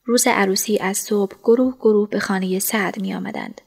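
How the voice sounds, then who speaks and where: Woman narrator, first-person audiobook, soft and hushed. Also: mid-range voice, steady tone, vocal fry.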